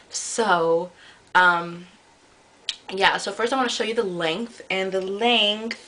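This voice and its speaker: A woman's voice: fairly low pitch, bright, forceful tone, rough recording. A young woman from the United States giving a casual, rambling hair review on her vlog, full of ums and self-corrections. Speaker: beauty vlogger. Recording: faint background noise.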